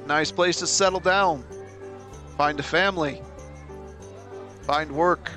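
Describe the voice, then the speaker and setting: A man's voice: a little high, takes it slowly, pushed and bright, faint music behind. A man voicing an easygoing, welcoming old tavern keeper in a tabletop role-play.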